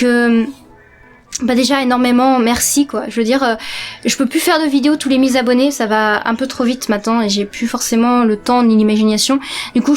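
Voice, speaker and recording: A girl in her late teens chats to the camera from her bedroom, her voice a touch high. She talks loosely and hesitantly, stopping often to search for words. Soft music plays faintly underneath. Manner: chatty, hesitant, many fillers. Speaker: vlogger. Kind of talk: casual vlog chat.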